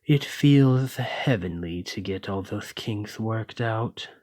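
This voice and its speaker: In a scripted ASMR roleplay addressed to the listener, a man voices a haughty, teasing male lamia noble, drawling in a pompous, refined and condescending manner. His voice is on the low side and darkish, slow with lively intonation and no echo, and the mood is softened and pleased.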